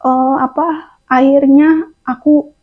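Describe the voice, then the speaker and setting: Woman vlogger, high pitch, chatty storyteller, thin phone-line audio. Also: steady tone, slow. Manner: chatty, repeats "aku bilang gitu" often. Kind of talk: storytelling to viewers. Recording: tinny phone-like sound.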